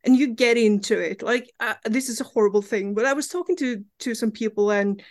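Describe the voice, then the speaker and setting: A woman's voice: a little high, fairly quick. A woman from Norway with a Norwegian accent, a guest comics writer chatting candidly in an interview, laughing easily and swearing casually.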